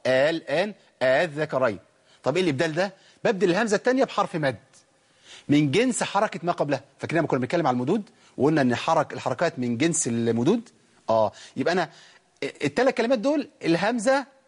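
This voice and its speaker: A man's voice: fairly high pitch, husky. A man with an Egyptian accent teaching Quran recitation in a colloquial lesson. He keeps asking rhetorical questions and stretches syllables to sing out his examples. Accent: Egyptian Arabic.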